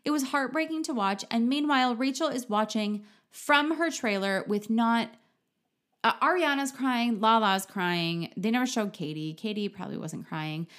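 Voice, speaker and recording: A woman's voice: a little high, moderate pace, fairly bright tone. Blunt, opinionated woman. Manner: opinionated and blunt, with frequent restarts. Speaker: podcast host. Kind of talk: casual reality TV recap.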